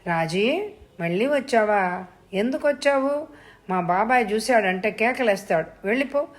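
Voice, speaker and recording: A man's voice: high voice, measured pace, fairly bright tone. A woman voicing an agitated young man who pleads, panics and then rages, in a storybook audio drama. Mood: panicked. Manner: frantic, pleading, then raging.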